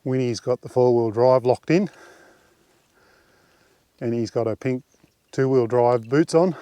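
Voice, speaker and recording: An Australian man vlogging outdoors on a bush track, chatting in a relaxed, rambling way with lots of fillers into a handheld camera mic. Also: medium pitch, a little slow, clean tone, no room sound. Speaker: camping vlogger. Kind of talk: casual walking commentary.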